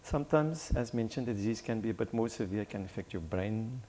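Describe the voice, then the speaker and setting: A man, a doctor guest on a studio talk show, explaining in a measured way. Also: on the low side, animated, dark tone, slight background noise.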